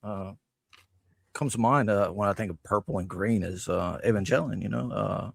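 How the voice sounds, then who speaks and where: Male podcast co-host, gravelly low voice, dry sound, halting speech full of fillers. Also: no room sound. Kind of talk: casual chat.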